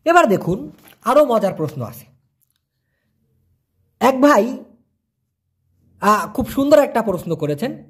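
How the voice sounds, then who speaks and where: A man teaching a casual online language lesson, answering viewers' questions by name and repeating words slowly as he explains them patiently. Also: very high voice, sing-song, slightly rough.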